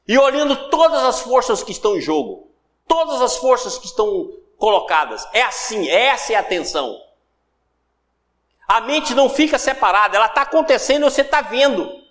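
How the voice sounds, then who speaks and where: A man's voice: very high-pitched, in a large hall. A man with a Brazilian Portuguese accent giving a recorded course lecture on self-development, talking conversationally and repeating phrases for emphasis. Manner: animated, acts out everyday examples in quoted voices.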